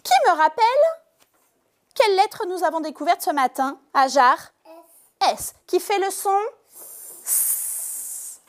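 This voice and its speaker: A woman teacher giving a lesson to young pupils in a classroom, speaking slowly and clearly and stressing each syllable. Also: extremely high pitch, animated. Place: primary school classroom.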